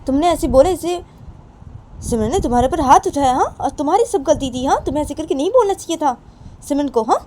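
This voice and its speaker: A woman voicing an angry middle-aged father who scolds with loud, repeated accusing questions. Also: high-pitched, expressive, quick pace, slight background noise, pitched above the performer's own voice.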